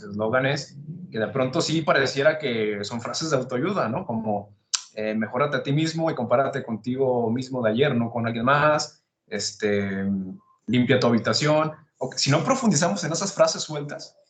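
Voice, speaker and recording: A man lays out his ideas in a relaxed, conversational way, often asking himself a question and then answering it. His voice sits at a middle pitch. The room around him has a noticeable echo. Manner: thoughtful, builds arguments with rhetorical questions. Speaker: podcast host explaining psychology. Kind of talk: casual explanatory conversation.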